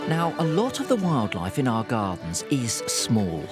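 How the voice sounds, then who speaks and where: A man narrates a documentary from a script, measured and explanatory. His intonation rises and falls very widely. Clear music plays under the voice-over. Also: mid-range voice, wildly swooping pitch.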